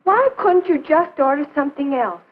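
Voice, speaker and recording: A woman's voice: high voice, animated, moderate pace. A woman acting a practical, helpful teenage girl who advises directly, in 1950s educational film style. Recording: noisy, phone-like 1950s film soundtrack.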